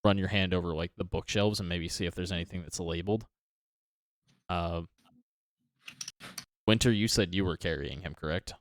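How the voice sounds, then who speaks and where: A man with a deep, low voice narrates a tabletop game as its dungeon master. He describes each scene in a loose, rambling way, full of fillers. The recording is close and dry. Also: moderate pace, long pauses, no echo.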